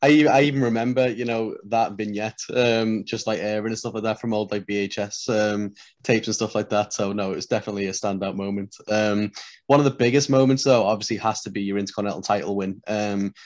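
A man's voice: lowish voice, fairly even intonation, fairly quick, a little mellow. A male podcast host interviewing a guest, asking long questions full of hesitations and fillers. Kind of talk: casual interview.

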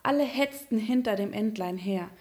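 Eine Frau, die ein Märchen ausdrucksvoll und sanft vorliest. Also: female voice, medium pitch, normal speed, darkish tone. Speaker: storyteller. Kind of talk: fairy tale reading.

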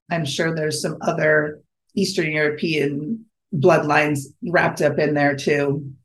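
A podcast host talks alone in an easy, unscripted way, full of eager feeling. The voice sits at an ordinary middle pitch. Thoughts run on, trail off, and restart mid-sentence. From United States. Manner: enthusiastic, rambling, self-correcting. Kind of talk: casual solo podcast monologue.

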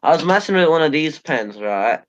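A man's voice: on the high side, animated, brisk, lo-fi sound, slight background noise. A man co-hosting a casual podcast at home, telling crude stories with heavy swearing. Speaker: podcast co-host. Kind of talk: casual chat.

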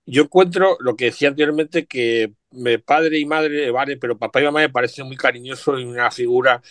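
A man's voice: mid-range voice, fairly quick, a bit bright, no echo, studio quality. A middle-aged man chatting reflectively about family words, with frequent asides. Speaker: guest. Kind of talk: casual chat.

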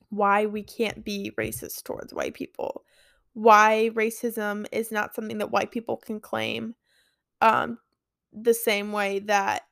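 A woman's voice: on the high side, a bit bright, dry recording, studio quality. A young woman hosting her own podcast, talking casually and earnestly, with lots of fillers. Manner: earnest, chatty, many fillers. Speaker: podcast host. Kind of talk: casual solo podcast talk.

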